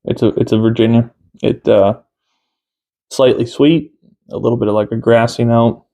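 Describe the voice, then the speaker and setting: A man in his thirties giving a casual review to camera, unhurried and halting, often pausing mid-sentence. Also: medium pitch, flat delivery, creaky, dark tone. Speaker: tobacco reviewer. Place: small room at home, indoors.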